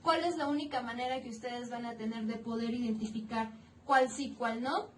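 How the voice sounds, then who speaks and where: A Mexican woman teaching English grammar in Spanish, explaining each rule slowly and clearly, step by step, in a recorded lesson. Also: on the high side, fairly even intonation, a little hiss or hum. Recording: echoey room, mic at a distance.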